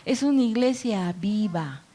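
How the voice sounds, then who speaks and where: A woman's voice: mid-range voice, animated, measured pace, dark tone. A woman pastor preaching a conversational sermon, full of rhetorical questions and playful acted-out quotes. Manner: acts out quoted voices with playful asides.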